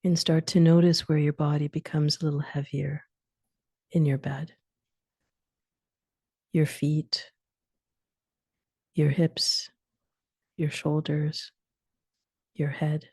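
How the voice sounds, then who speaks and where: In a low, mellow voice with a gravelly creak, a woman leads a sleep meditation, giving soothing instructions in short phrases separated by long pauses. Her tone stays level, and her phrase endings turn soft and breathy. The studio-quality recording has no room sound.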